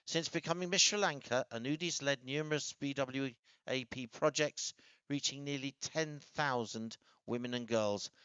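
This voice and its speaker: A male host presents in a formal, scripted style with a smooth, clear voice of medium pitch. The sound is dry and slightly dulled at the edges. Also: pushed and bright, no echo, muffled recording. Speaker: pageant host.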